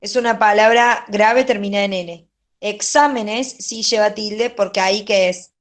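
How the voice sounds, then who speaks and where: A woman's voice: mid-range voice, fairly even intonation, a little slow. A woman teaching a grammar lesson, going over exercise answers patiently and often checking in with "¿sí?". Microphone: online class.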